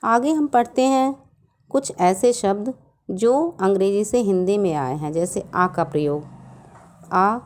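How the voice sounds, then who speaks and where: A woman teacher walks young pupils through a school lesson, explaining each point slowly and clearly. She poses questions to the class and then answers them herself, in a patient, explanatory classroom manner. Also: mid-range voice, darkish tone. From North India. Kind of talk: recorded Hindi grammar lesson.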